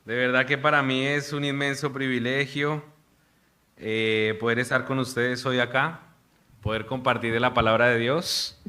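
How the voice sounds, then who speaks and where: A man's voice: medium pitch, steady tone, normal speed, clean tone. A young man from Colombia, a missionary preaching an earnest sermon to a congregation. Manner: earnest, warm preaching with hushed prayer.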